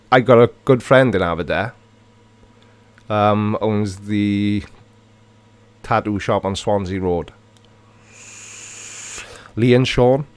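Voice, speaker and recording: This livestream host, a middle-aged Welshman with the accent to match, reads viewer comments aloud and chats casually. His voice is smooth and on the low side, captured in a dry recording.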